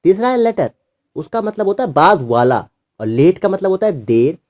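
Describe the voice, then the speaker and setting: A man's voice: high voice, big pitch swings, moderate pace, darkish tone. A man teaching children English words, patiently spelling them out letter by letter in Hindi. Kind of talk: explaining word meanings to children.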